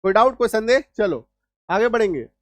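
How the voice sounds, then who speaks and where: A man's voice: sits high, expressive, a little fast, dry recording. Man drilling spelling rules. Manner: drilling, repeats rules and checks in with "clear?". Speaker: English teacher. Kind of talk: online spelling lesson.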